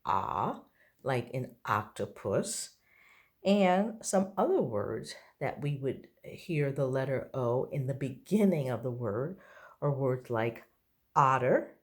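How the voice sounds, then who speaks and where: A woman with a low voice teaches young children their letter sounds. She speaks slowly and patiently, stretching out each vowel so it can be heard clearly. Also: lively intonation, a little mellow. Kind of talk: phonics lesson for young children. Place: at home.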